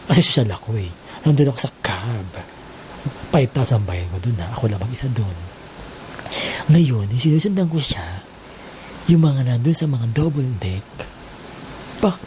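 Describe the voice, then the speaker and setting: A man's voice: medium pitch, darkish tone, slight background noise, rough recording. A man telling a teasing, exaggerated gossip story in a casual, mocking way.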